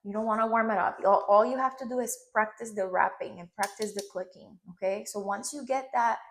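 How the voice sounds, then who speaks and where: Briskly and at a medium pitch, a woman in her 30s from Puerto Rico demonstrates hairstyling step by step, her Spanish speaker's Puerto Rican accent audible. She teaches by frequently asking "okay?", and there is slight background noise.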